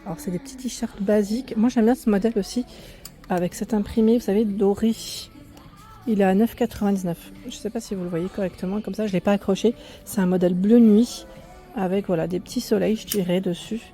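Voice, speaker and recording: A woman vlogging about fashion tours a clothing store casually, speaking fairly quickly in a mid-range, steady voice. She often corrects herself and raises her volume over the loud store music, heard faintly on the clip.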